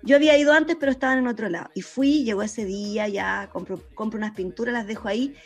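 A Chilean woman telling a story in casual chat, animated and slangy, laughing often. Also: medium pitch, fast talker, soft background music.

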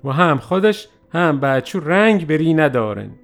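A man narrating a first-person story in a lively, animated way. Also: on the high side, soft background music.

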